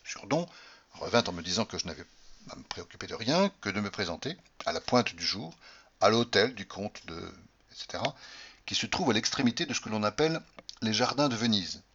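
A man narrating a novel in the first person, reading in an expressive, emotional way. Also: fairly low pitch, brisk, slight background noise. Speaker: audiobook narrator. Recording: slightly dull lo-fi recording.

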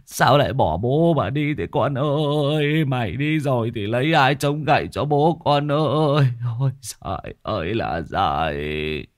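A man's voice: medium pitch, expressive, unhurried, few pauses, no room sound, studio quality, voice pushed up, close to an everyday voice. A man voicing a grieving middle-aged village father, in a sobbing lament. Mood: wailing grief.

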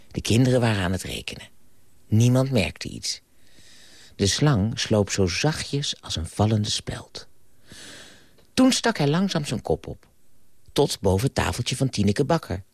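Animated, husky-voiced man reading aloud. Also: lowish voice, dry recording. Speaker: radio speaker reading a story aloud. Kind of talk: expressive storytelling and reflection. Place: radio studio.

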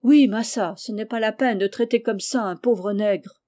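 A woman's voice: mid-range voice, moderate pace, warm tone, natural voice. A woman reading aloud, voicing a simple, earnest old male servant who answers and protests plaintively in a story.

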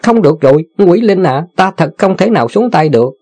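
A man's voice: sits high, expressive, brisk, darkish tone, dry recording, soft background music, voice pushed up. A boastful young male rogue, voiced by a man, with a raised voice that swoops up and down. He talks in a wheedling, pleased-with-himself way. The recording is dry and close. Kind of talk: audiobook character voice.

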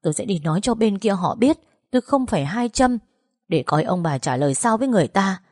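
A woman voicing a grief-stricken young wife who shouts sharp, bitter accusations in a storybook reading. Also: medium pitch, animated, a little fast, no echo, clean studio sound, close to an everyday voice. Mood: furious.

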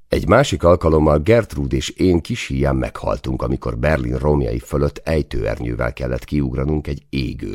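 Deep gravelly man reading a memoir. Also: a little mellow, dry recording, clean studio sound. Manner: wry, understated storytelling. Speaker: audiobook narrator. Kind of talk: first-person memoir reading.

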